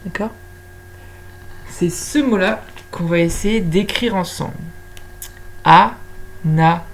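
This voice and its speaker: A woman's voice: mid-range voice, measured pace. A woman teaching young children to spell by sound, patiently stretching out each syllable. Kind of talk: slow phonics lesson for young children.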